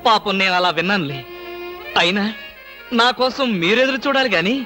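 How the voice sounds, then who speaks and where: A cheeky, flirtatious film husband. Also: male voice, high-pitched, lively intonation, brisk, sharp tone, faint music behind. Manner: flirtatious, teasing, playful wordplay. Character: cheeky flirtatious married man. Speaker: comic lead actor in a film. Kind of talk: film comedy dialogue.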